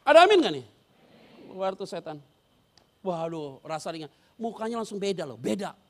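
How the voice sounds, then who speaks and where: A man's voice: high voice, moderate pace. A male pastor preaching a sermon, telling stories with acted-out scenes, using casual slang and quizzing his congregation. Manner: animated storyteller who acts out scenes and quizzes the congregation.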